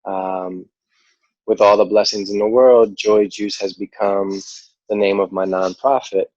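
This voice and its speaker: New York man, podcast guest, low voice, casual storyteller, dry, slightly muffled sound. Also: no room sound. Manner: relaxed, rambling, heavy use of "like" and "you know". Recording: dull lo-fi audio.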